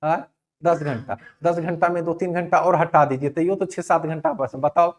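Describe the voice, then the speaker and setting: A man's voice: a little high, steady tone, normal speed. A man, giving a casual coaching lecture and asking his students rhetorical questions. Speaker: exam coaching teacher.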